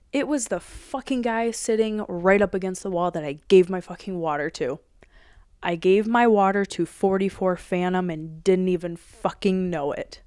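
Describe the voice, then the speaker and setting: A woman's voice: mid-range voice, clean tone, no echo, clean studio sound. A young woman hosting her own show, casually retelling a concert weekend, swearing constantly and acting out what people said. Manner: profane, animated retelling with quoted dialogue. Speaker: podcast host. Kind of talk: casual storytelling.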